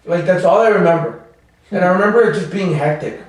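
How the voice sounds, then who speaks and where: A man's voice: high voice, quick pace. A man from El Salvador, a comedian guest telling rambling stories in slangy casual chat, often laughing. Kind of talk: casual podcast chat, storytelling. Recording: echoey room, distant mic.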